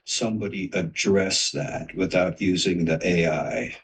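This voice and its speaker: Low-voiced man asking rambling questions. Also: steady tone, a little slow, distant mic, slight background noise, low-quality recording. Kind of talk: casual video-call discussion.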